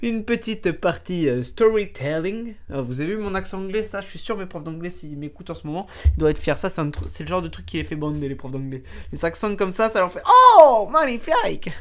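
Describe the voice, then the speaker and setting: A young man hosting a casual radio show, excited and chatty, with plenty of hesitations as he talks to listeners. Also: fairly high pitch, fast talker, hardly any pauses. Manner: energetic and chatty, with frequent fillers. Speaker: radio host.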